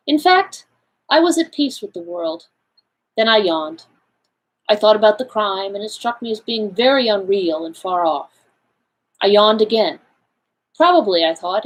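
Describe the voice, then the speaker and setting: Library lady reading a novel out loud, kinda husky and breathy, slightly high voice. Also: rough recording. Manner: measured first-person narration with character voices. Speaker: library storytime reader. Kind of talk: reading a classic novel aloud.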